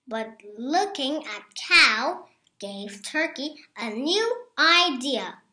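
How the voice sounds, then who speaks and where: With a high-pitched, bright and forceful voice, a six-year-old works through a picture book word by careful word. There's a roomy echo on the recording.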